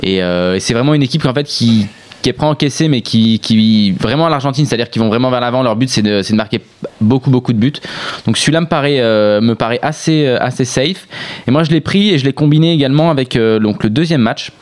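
A man's voice: medium pitch, fast talker. A man with a French accent giving sports betting tips on a casual radio show, hesitant, full of fillers and restarts.

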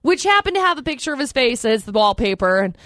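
A woman co-hosts a radio show, chatty and laughing as she reads out odd news stories. Her voice sits high. The studio sound is close and dry. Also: very animated, quick pace, a bit bright, no echo. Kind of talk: morning radio banter.

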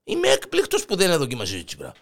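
A man with a Cypriot Greek accent voicing an excitable little male hare that squeals and pleads. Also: creaky. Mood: astonished. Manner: squeaky, pleading, breaks into shrill cries.

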